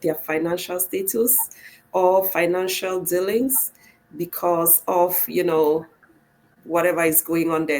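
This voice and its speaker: A woman guesting on a podcast, hoarse from a cold, chatting in a relaxed way. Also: lowish voice, a little hiss or hum, rough recording. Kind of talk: casual chat.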